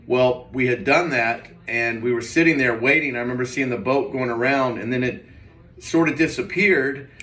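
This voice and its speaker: A man's voice: mid-range voice, normal speed, fairly bright tone. A man casually rambling through a personal story, recounting a dream in a hazy, puzzled way with trailing, hesitant phrases. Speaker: vlogger. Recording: roomy echo, distant mic.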